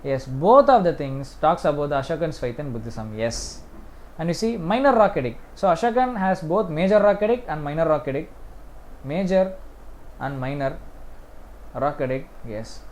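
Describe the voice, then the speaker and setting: An exam-prep history teacher with an Indian accent speaks in an animated, mid-range, slightly mellow voice at a moderate pace. He walks through exam questions step by step, repeating points and often adding a short "yes."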